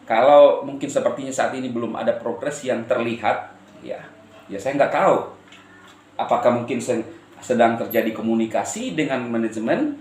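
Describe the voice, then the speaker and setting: A man's voice: mid-range voice, moderate pace, darkish tone. Man from eastern indonesia, channel host talking to viewers, firm stern-sounding intonation, roomy echo, faint background hum. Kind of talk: direct-to-camera address to viewers.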